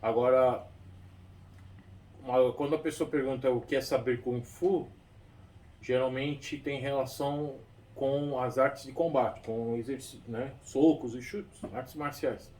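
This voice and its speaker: A man's voice: mid-range voice, fairly even intonation, measured pace, a little mellow. Brazilian man talking from far off. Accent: Brazilian Portuguese. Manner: rambling, frequent tag questions and restarts. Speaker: kung fu teacher. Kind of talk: explanatory talk. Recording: distant mic with faint background noise.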